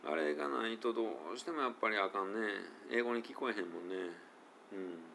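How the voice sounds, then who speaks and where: A middle-aged man with a Kansai accent giving a relaxed spoken English pronunciation lesson, thinking aloud with fillers and slowly demonstrating English phrases. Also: mid-range voice, creaky, slight background noise.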